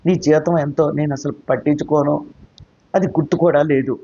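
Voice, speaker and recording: The voice sits low and sounds like a woman's, steady, mellow, and a little breathy at a moderate pace. It's a man playing an anxious, tearful middle-aged mother who pleads worriedly, captured in a slightly muffled recording.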